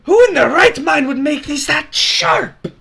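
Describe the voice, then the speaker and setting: A man voicing a foul-mouthed woman stonecutter in a high, shrill outburst of curses. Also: animated, unhurried, creaky, sharp tone, heavily acted. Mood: angry.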